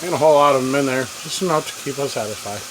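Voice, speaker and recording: A folksy cooking vlogger with a mid-range voice talks rapid-fire while cooking in a camper kitchen with a propane cooker. He is chatty and sometimes talks with his mouth full. It is a noisy home video for a casual cooking vlog, with boiling water and frying in the background.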